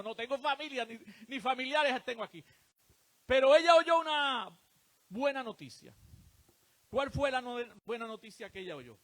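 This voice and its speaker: A male preacher with a high voice that rises and falls a great deal. He drives his sermon with rhetorical questions and answers them himself. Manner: animated, rhetorical questions to the congregation.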